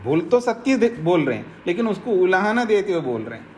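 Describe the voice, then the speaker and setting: A male swami from India delivers a scripture discourse in a lively, rising and falling voice. He drives each point home through repetition and everyday examples, with a faint hum of room ambience behind him. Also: high voice, brisk. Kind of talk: spiritual discourse.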